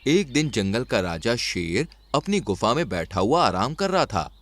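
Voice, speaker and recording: Guy reading a kids' story, lively and expressive voice. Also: medium pitch, a little slow, no echo. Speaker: narrator. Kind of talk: storybook narration for children.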